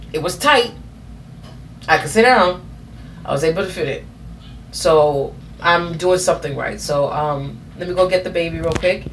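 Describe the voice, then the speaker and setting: A woman's voice: on the low side, a bit bright, slight background noise. A woman in her thirties telling a personal story in a casual vlog, rambling with many fillers and self-corrections. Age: 30s. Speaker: vlogger.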